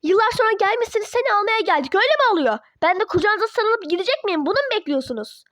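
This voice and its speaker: A woman's voice: very high voice, lively intonation, fast talker, a bit bright, no room sound, clean studio sound. A woman voicing a defiant teenage girl who argues with her parents in a toy-app role-play drama. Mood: indignant. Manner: indignant, argumentative.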